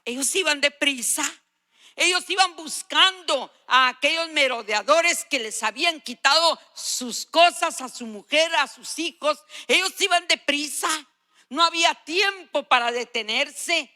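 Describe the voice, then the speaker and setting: Preaching as a guest, a woman aged sixty or more exhorts her listeners with emphasis and repeats phrases for weight. She speaks a little slowly in a high, bright, forceful voice.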